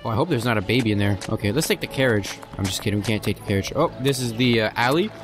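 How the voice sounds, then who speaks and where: A young man commenting casually on a game he is playing. He jokes and chats at an average pitch in a goofy tone. Faint music plays under him. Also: lively intonation, very fast. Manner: joking, goofy, chatty. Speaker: let's play host.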